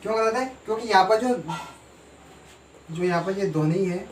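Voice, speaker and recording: दूर से गूँजती आवाज़ में पढ़ाता शिक्षक. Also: male voice, high voice. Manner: explains slowly, asks and answers his own questions. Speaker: teacher. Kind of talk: classroom grammar lesson. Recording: echoey room, voice from far off, faint noise.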